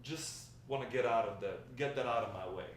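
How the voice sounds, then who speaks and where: A man reads the part of a chatty old grandfather in an amateur drama table read, lightly acting as he reminisces. Warm and encouraging, his mid-pitched voice rambles through stories conversationally, pausing hesitantly. The mic is distant, leaving the recording very echoey with faint noise.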